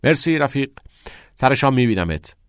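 A man voicing an eager, theatre-mad teenage boy who talks in quick, excited bursts. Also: medium pitch, dry recording, studio quality, voice pushed up, close to an everyday voice. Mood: playful.

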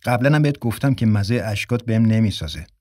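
A man's voice: on the low side, warm tone, no room sound, clean studio sound, lightly acted. A man voicing a joking young stage actor with a teasing, wisecracking manner.

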